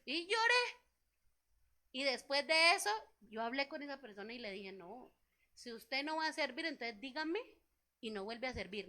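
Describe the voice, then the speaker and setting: A woman's voice: sits high, bright, forceful tone. A woman pastor giving a sermon in a church, telling a personal story, acting out what people said, and asking the congregation questions. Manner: storytelling, acts out quoted dialogue; asks the congregation rhetorical questions.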